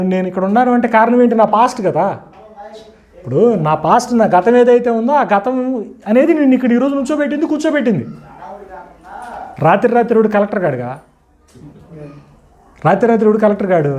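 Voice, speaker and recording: A man with a notably high voice leads an interactive teaching session. He keeps checking his listeners with rhetorical questions. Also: fast talker, pauses often, a little mellow, muffled recording. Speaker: teacher addressing a group.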